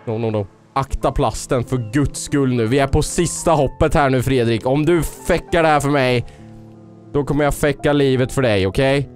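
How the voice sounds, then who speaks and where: A gaming YouTuber gives let's-play commentary in a mid-range, slightly mellow voice, cheering on and scolding his character. He slips English phrases into his talk, with faint game music in the background.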